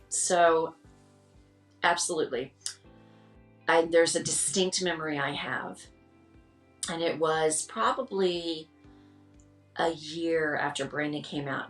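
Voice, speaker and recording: Woman, middle-aged, guest mother, candid storytelling, lower voice, roomy echo. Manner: animated, acts out quotes with rising pitch.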